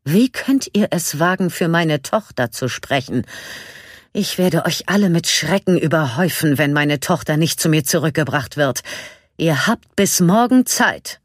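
A woman's voice: low voice, animated, measured pace, dry recording, studio quality, voice pushed up. Give me an imperious, threatening evil queen, played by a woman. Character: cold commanding evil queen in a mirror.

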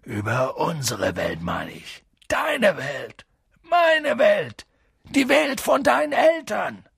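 A narrator voicing a hot-tempered giant male groundskeeper in an audiobook, gruff and booming in his outbursts. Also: sing-song, measured pace, a bit bright, dry recording, studio quality, heavily acted. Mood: outraged. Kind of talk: audiobook reading.

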